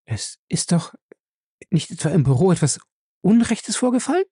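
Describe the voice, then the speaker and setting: A man's voice: sits high, big pitch swings, normal speed, mellow, husky, dry recording, clean studio sound, voice pushed up, heavily acted. A man reading aloud and voicing an anxious young woman who asks worried, urgent questions.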